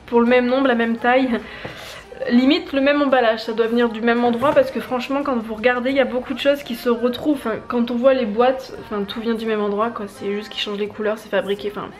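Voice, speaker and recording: A young woman chatting casually to camera about her shopping haul, rambling with many restarts. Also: fairly high pitch. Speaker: family vlogger.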